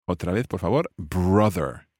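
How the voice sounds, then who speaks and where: A man's voice: low voice, lively intonation, unhurried, darkish tone, no room sound, clean studio sound. A man teaching family words in English, explaining patiently and repeating each word for his student. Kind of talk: language lesson dialogue.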